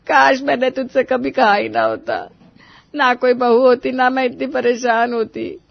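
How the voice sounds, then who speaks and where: A woman's voice: high-pitched, expressive, measured pace, creaky, no echo, heavily acted. A woman voicing a whiny, dramatic elderly mother-in-law in a cartoon, wailing and complaining. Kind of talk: cartoon voice acting. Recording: dull dry studio voice-over.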